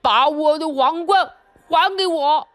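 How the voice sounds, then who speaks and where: A woman doing a slow bossy elephant. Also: sits high, pitched above the performer's own voice. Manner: slow, shouting demands. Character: loud bossy male elephant. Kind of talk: storybook reading.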